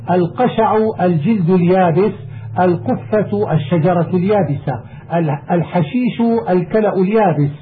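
High-voiced man reciting over tinny audio. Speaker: teacher reading a lexical text. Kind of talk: reciting verse and reading commentary. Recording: tinny phone-like audio with faint hiss.

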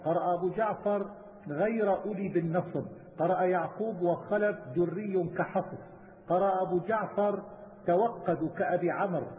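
Male teacher, high voice, steady itemized recitation; thin lo-fi sound with a long hall echo. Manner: measured, methodical listing. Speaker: teacher of Quranic reading variants. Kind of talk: chanted recitation and itemized explanation. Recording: tinny phone-like sound with long reverb.

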